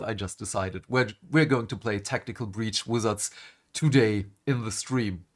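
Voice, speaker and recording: A man hosting a gaming channel, ranting animatedly to camera in a groggy morning voice and swearing for emphasis. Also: medium pitch. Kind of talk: casual gaming commentary to camera.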